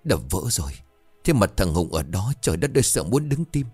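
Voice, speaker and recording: A shaken uncle gasps out his words, voiced by a man. The voice is breathless and rattled, with lively swings in pitch. It is read aloud as a ghost story. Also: fairly quick, husky, faint music behind, heavily acted. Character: frightened middle-aged uncle.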